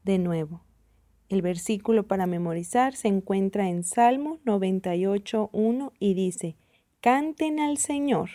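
A woman reading a Bible story aloud for children, slow and expressive in a storybook manner. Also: mid-range voice, no echo, clean studio sound.

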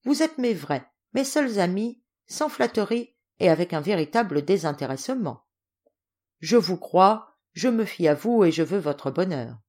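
A woman's voice: very animated, a little slow, a little mellow. Woman voicing a fiery old general. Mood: tender. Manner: emphatic, booming when angry. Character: old irascible Russian general, gruff but tender-hearted.

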